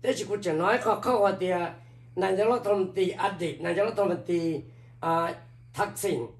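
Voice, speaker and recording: A man's voice: high-pitched, drawn-out words. An older man from Laos, an elder storyteller, recalling the past at length with many repeated filler phrases. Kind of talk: oral history recollection. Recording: roomy echo, speaking away from the mic.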